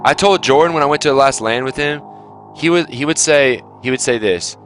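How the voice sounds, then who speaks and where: A young man lectures his players as their team captain, blunt and full of swearing. His voice sits at an ordinary middle pitch. Faint music plays behind him. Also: fairly quick, fairly bright tone. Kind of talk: team pep talk.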